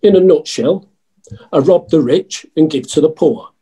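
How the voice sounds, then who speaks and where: A man playing an earnest, genial out-of-work outlaw in a pantomime sketch, with a husky voice. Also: on the high side, normal speed, dark tone. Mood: matter-of-fact.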